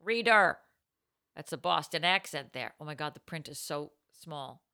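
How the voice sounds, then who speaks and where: Woman comedy co-host, giggly, riffing, lively bright voice. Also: low-pitched, creaky. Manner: giggly, riffing, quick jokes. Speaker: podcast co-host. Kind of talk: casual comedic chat.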